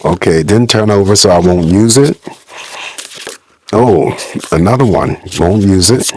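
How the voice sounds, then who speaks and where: A man's voice: low voice, expressive, measured pace, a little mellow, a little hiss or hum. A man giving a casual tarot reading to viewers, his voice muffled by a lingering cold, speaking in an informal, conversational way. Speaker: tarot reader hosting a channel.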